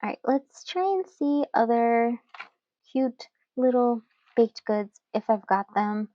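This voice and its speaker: A young woman talks through her journaling in a slow, unhurried way, her voice sitting a little high. She is relaxed and giggly, with plenty of fillers. The sound is dry and close, with a slightly dull, lo-fi tone. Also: no echo. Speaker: journaling channel host. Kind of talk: casual chat while journaling.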